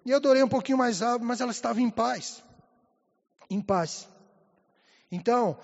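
A man with a high voice preaches in a church, hushed and halting at times, fervent at others. His voice carries a long hall reverb, and the sound is dull and muffled. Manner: soft and halting, rising to fervent. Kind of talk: sermon with personal testimony.

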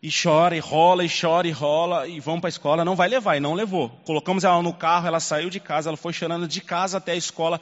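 A male pastor preaching a sermon and telling a personal story, moving between hushed and loud passages. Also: fairly high pitch, fairly even intonation, fast, few pauses. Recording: long reverb, dull lo-fi sound.

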